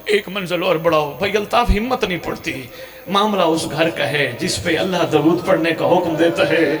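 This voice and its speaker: Male cleric, emotional mourning sermon, sing-song, slightly high voice. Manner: impassioned, sing-song chanting with sudden swells. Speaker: Shia religious preacher. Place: religious gathering in Punjab.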